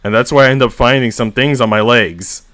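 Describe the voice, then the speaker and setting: As host, a man reads first-person short stories aloud, putting expressive emphasis on the narrator's exasperation. His voice is medium-pitched and a little fast, with no room sound.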